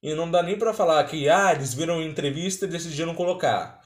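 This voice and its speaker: A man with a Brazilian accent and a higher voice speaks quickly as host of a video, giving casual, conversational reaction commentary. The sound is roomy and echoey.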